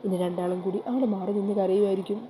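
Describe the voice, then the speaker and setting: A woman voicing a calm aunt who speaks in a resigned, understanding way. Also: medium pitch, quick pace, a little hiss or hum, lightly acted, rough recording. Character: calm aunt at the family table.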